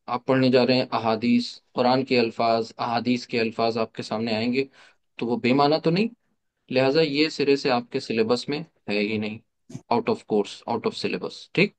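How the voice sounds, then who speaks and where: Man, teacher in an online class, mid pitch, steady explaining, rhetorical questions, speaking into a computer mic. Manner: mixes English terms into his explanations. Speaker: Arabic teacher.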